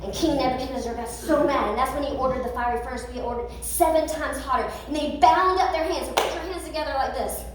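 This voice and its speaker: A very high-voiced woman tells a Bible story to children with animated, playful energy, calling out directions as they act it out. She is caught from far off in a big, strongly echoing church hall, with faint room noise behind her. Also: quick pace, few pauses. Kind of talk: lively Bible storytelling for kids.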